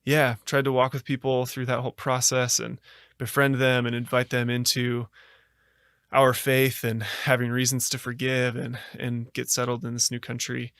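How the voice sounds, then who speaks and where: His medium-pitched voice is smooth and clean, and he keeps an even, level tone as he earnestly recounts a reflective story on a podcast. The American guest stops often for fillers and starts his thoughts over. It's a dry, close recording with no room sound.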